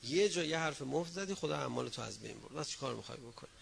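A male preacher giving a religious sermon, exhorting his listeners, swinging between loud emphatic bursts and low asides, and acting out quoted people in a raised voice. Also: lively intonation, creaky, a little hiss or hum.

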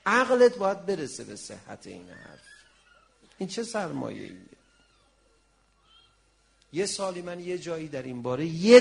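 A man preaching a sermon at a night gathering, telling stories with passion and swinging from loud declarations to hushed lines. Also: fairly high pitch, gravelly, slight background noise. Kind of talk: religious sermon with storytelling.

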